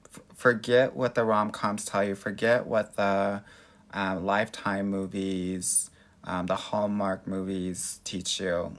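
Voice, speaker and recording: The livestream host, a dating coach from Los Angeles, United States, speaks slowly in a low voice with little pitch movement. He chats casually with viewers, answering them with sassy, over-the-top girly-bestie warmth.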